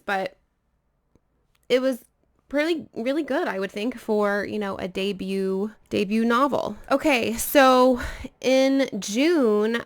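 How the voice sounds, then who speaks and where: A woman's voice: fairly high pitch, fairly bright tone, clear, resonant tone. A woman casually chatting about books for her video channel, rambling a little with frequent fillers. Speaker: book vlogger. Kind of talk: casual book chat.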